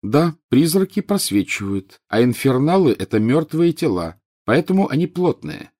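A man's voice: sits low, fast, darkish tone. A man voicing a stubborn teenage schoolboy who speaks hesitantly. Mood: tense.

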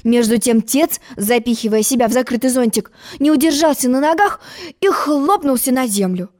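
A woman reading a children's story aloud in an expressive storytelling manner. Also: high voice, moderate pace.

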